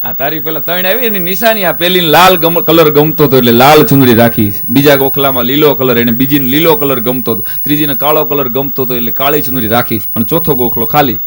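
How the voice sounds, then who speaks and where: A man's voice: mid-range voice, fast talker, hardly any pauses. A man, a folk stage comedian telling jokes and putting on voices for the characters. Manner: lively joke-telling that switches into voices for the characters. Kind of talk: stand-up folk comedy storytelling.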